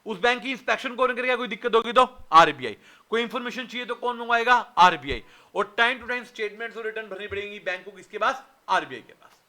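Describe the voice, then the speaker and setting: A man's voice: high voice, animated, brisk, pushed and bright. A man in his thirties teaching an exam revision lecture, firing questions at his students and answering them himself, with Indian-accented English words.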